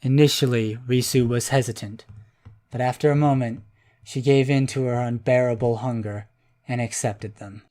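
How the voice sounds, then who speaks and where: A man narrating a children's storybook in a calm, even voice. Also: medium pitch, normal speed.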